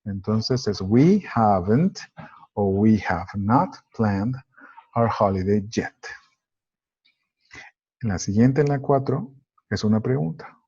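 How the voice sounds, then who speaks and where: Slow, dark-voiced man teaching grammar. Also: lowish voice, lively intonation, breathy edge. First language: Spanish. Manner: slow, methodical, explains step by step. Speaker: English teacher. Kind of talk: grammar lesson. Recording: dull lo-fi recording.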